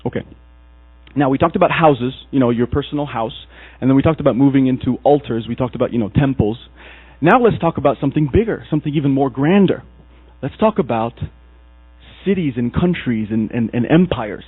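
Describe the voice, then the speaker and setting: Animated preacher man, tinny lo-fi. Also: medium pitch, brisk, breathy edge. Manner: casual, animated storytelling with acted asides. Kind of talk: sermon. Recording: tinny lo-fi recording with mains hum.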